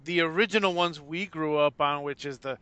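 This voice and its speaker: Lower-voiced woman co-host, hesitant and stumbling, dry recording. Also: a little fast, fairly bright tone, clear, resonant tone, no room sound. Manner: hesitant, stumbling reactions with laughs. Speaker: podcast co-host. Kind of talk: casual chat.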